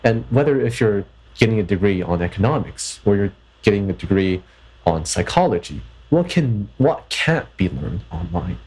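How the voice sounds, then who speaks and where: A young Canadian man reflects thoughtfully and hesitantly in a personal vlog, often starting his sentences over. His voice is lowish, a little mellow and husky, with lively intonation at normal speed, on a low-quality recording.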